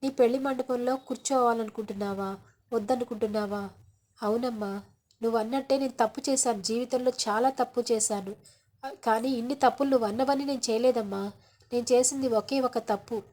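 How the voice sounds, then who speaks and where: A woman's voice: a little high, fairly even intonation, a little fast, close to an everyday voice. A woman voicing a wounded proud father. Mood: reproachful. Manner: reproachful, raises voice to defiant shouting.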